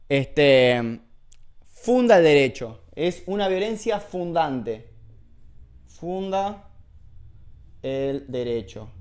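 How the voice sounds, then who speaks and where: A man with a Rioplatense Spanish accent, explaining philosophy in a loose, chatty lecture full of fillers and self-corrections. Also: fairly high pitch. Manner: paraphrases texts in colloquial dialogue. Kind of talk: casual lecture video.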